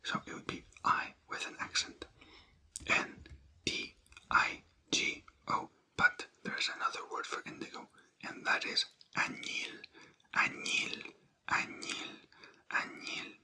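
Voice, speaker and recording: Slowly, in a breathy whisper that sounds pushed and bright, a language teacher works through ASMR vocabulary. Words are said more than once and then spelled out one letter at a time.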